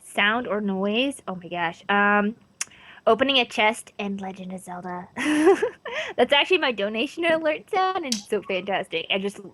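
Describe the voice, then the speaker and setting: A woman's voice: mid-range voice, expressive, normal speed, a bit bright. A young woman in her twenties, a streamer being interviewed, chatting casually in a bubbly, giggly way and swearing freely. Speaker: guest streamer.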